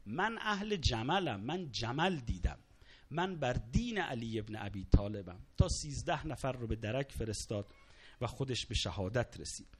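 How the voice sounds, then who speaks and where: A man delivers a sermon as a dramatic story. His pitch swings widely, climbing into raised cries and dropping low again. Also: very animated, husky. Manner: dramatic storytelling, rising to cries and quoted Arabic. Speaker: preacher. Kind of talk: sermon narrating a martyrdom account.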